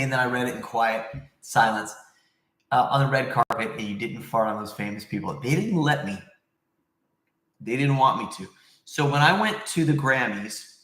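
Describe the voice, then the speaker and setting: A man hosts a casual livestream, rambling conversationally as he answers viewers from a very echoey room. His voice is mid-range and a bit bright.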